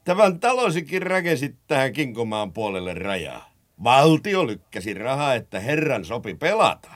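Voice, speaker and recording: An actor playing a drunk, sly blackmailer in an old radio drama, taunting and mocking. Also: male voice, medium pitch, sing-song, lightly acted.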